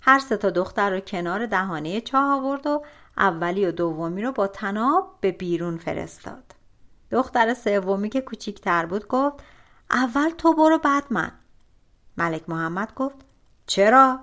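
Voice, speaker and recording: A woman narrating a folk tale audiobook with expressive, animated storytelling. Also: mid-range voice.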